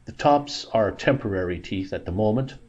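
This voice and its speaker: A man's voice: lowish voice, expressive, normal speed, a little mellow, dull audio. A man in his sixties narrating a casual vlog in a dental clinic, chatty and plain-spoken, laughing at himself. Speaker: vlogger.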